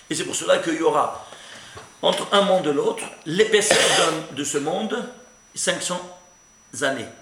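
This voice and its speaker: A man leads an animated Torah lesson as a rabbi, firing questions and counting through numbers aloud. His voice sits high and bright, swinging widely in pitch. The room is echoey. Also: a little hiss or hum. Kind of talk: lively Torah lesson with gematria.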